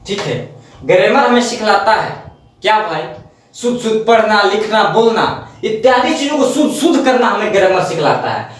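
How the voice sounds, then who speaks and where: A high-pitched male teacher lecturing a class, drilling pronunciation again and again and asking his students to follow along. His voice rings around a very reverberant room. He stands some way back from the microphone. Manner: repetitive, drills pronunciation, asks rhetorical checks. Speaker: English teacher. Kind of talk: Hindi-medium classroom lecture. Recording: echoey room, voice from a distance.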